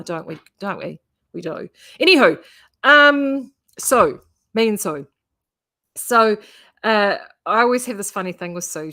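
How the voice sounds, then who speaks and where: Casual vlog host: woman, broad New Zealand accent, slightly low voice, chatty and rambling, often breaking off mid-thought. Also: fairly bright tone. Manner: chatty, rambling, self-interrupting. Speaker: knitting vlogger and yarn shop host. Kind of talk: casual chat to live viewers.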